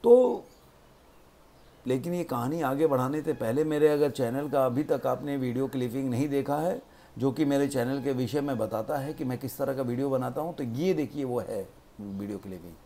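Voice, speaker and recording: A man telling a moral story in a plain, conversational way, with pauses, as host of his own channel. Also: medium pitch, warm tone.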